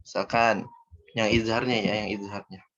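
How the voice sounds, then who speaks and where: A man's voice: on the low side, little pitch movement, normal speed, fairly bright tone. Male recitation teacher, patient step-by-step explainer, slightly muffled online call audio. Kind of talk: online tajwid lesson. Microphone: video call.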